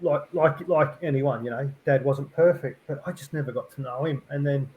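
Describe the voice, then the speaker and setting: A middle-aged man, a podcast guest, talking reflectively in a rambling, halting way full of fillers and restarts. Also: medium pitch, narrow, tinny audio, a little hiss or hum. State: tearful. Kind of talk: reflective conversational interview.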